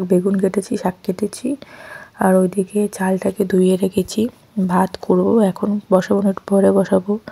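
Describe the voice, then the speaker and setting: A young woman with a cold and a sore throat, speaking softly in a vlog voice-over, sniffling now and then. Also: mid-range voice, vocal fry, breathy edge. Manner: speaks softly and quietly at night. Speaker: lifestyle vlogger. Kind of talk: soft-spoken vlog voice-over.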